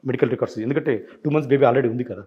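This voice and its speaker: A man's voice: mid-range voice, rapid-fire, dull audio. A man as an interview guest, telling his side insistently and acting out past phone calls. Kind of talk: rapid interview account.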